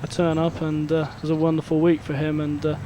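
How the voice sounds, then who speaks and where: A man's voice: fairly high pitch, monotone, a little fast, warm tone. A man working as a golf commentator, giving live analysis in a conversational way. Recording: clear outdoor background noise.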